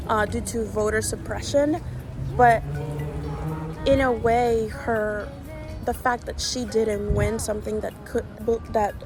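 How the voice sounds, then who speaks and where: A woman from Honduras vlogging in an earnest, halting way, restarting her sentences often. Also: on the high side, fairly even intonation, music in the background. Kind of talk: casual reflective vlog talk.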